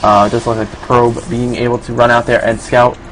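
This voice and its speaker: Male caster, New York accent, mid-pitched, loose play-by-play with faint background hiss. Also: a little fast, poor audio. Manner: relaxed, filler-heavy, casual. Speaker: esports commentator. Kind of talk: solo play-by-play commentary.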